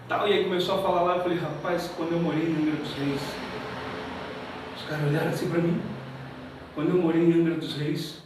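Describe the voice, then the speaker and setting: Brazilian guy telling his church testimony, fairly high voice, booming echo, sounds far from the mic. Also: fairly quick, pauses often, background noise. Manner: lively storytelling, acting out dialogue. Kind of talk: testimony before a congregation. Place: church hall. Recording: very echoey hall, mic far off.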